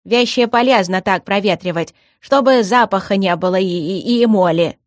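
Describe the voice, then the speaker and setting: A woman's voice: medium pitch, animated, moderate pace, a bit bright, dry recording, studio quality. A woman voicing an anxious young male house spirit who protects his little brother, flustered and eager to please.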